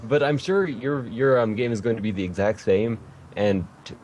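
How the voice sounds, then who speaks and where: Low-voiced man hosting a podcast. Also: moderate pace, a little mellow, slight background noise. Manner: rambling, self-correcting, light laughter. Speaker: podcast host. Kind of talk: casual interview chat.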